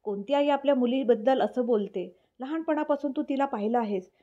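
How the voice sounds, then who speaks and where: Woman voicing a young man, stern, protective, forceful, storybook, mellow tone. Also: sits high, fairly quick, highs cut off. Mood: angry.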